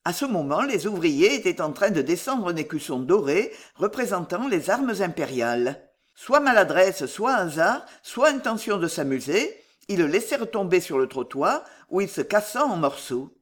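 A reader narrating a classic novel in an expressive audiobook style. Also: mid-range voice, moderate pace. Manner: expressive reading.

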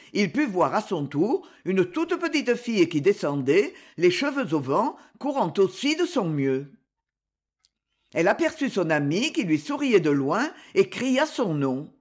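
A woman narrating a storybook with an expressive, unhurried delivery. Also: mid-range voice. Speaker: audiobook narrator. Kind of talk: storybook reading.

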